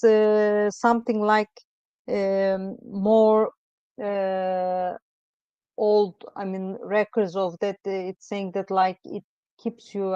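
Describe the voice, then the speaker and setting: A woman's voice: mid-range voice, darkish tone, smooth, no room sound. A middle-aged woman from Turkey with a Turkish accent, a guest astrologer chatting over a video call in a hesitant, rambling way full of "I mean, like.". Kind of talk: casual interview chat. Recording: dull lo-fi sound.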